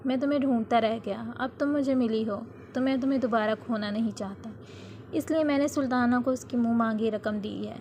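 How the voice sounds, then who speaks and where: A devoted young husband from a read-aloud romance story, earnest and tender, as a woman narrator voices him. The lines come in a fairly high voice, soft and pleading rather than gruff. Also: a little hiss or hum, lightly acted.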